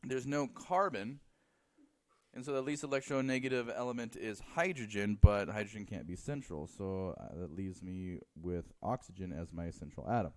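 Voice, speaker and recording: A man's voice: lowish voice, moderate pace. A man teaching chemistry in a classroom, joking with students and counting aloud as he draws. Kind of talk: classroom lecture.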